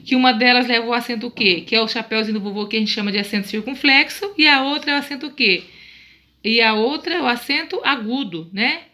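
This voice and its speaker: Bright-voiced Brazilian teacher woman. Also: on the high side, fast. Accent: Brazilian Portuguese. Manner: patient, repetitive explaining with frequent "né?" and "tá?" checks. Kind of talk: online Portuguese grammar lesson.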